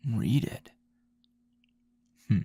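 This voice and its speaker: In an intimate ASMR roleplay, a man voices a grumpy middle-aged teacher who is also a teasing, possessive lover. His low, gravelly, husky murmur rolls out in a slow, mellow drawl, and the mood is fond and teasing.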